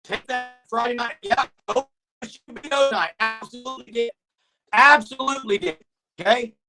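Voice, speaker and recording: A man's voice: very high-pitched, normal speed, over music. A man talking sports on an online call as co-host, his voice glitchy, robotic and cutting out, with an opinionated, argumentative manner. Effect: glitchy, robotic, cutting-out call audio. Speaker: co-host of a sports talk show. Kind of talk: casual sports talk.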